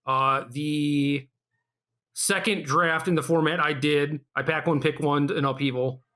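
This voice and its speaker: A man hosting a podcast, chatting casually with quick, relaxed reactions. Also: a little high. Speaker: podcast host. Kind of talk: casual chat.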